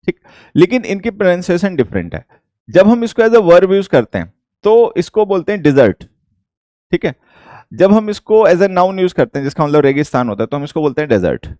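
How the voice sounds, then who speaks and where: An English teacher from India with an Indian accent, explaining a lesson slowly and repeating each point. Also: male voice, a little high, darkish tone, dry recording, clean studio sound.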